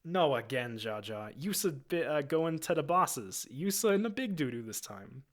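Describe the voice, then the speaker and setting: A man voicing a gruff male amphibian alien guard captain who speaks bossy broken pidgin, in an amateur screenplay reading. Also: mid-range voice, sing-song, normal speed, natural voice.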